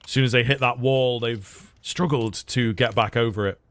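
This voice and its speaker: A man's voice: medium pitch, steady tone, moderate pace, a bit bright. A man giving live analysis and commentary on an esports match as a caster.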